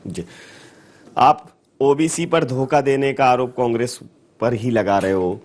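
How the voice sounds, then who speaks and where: A man's voice: mid-range voice, measured pace, a little mellow. A male interviewer with an ordinary mid-range voice. He puts accusations to his guest in a probing, insistent way. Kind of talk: political interview.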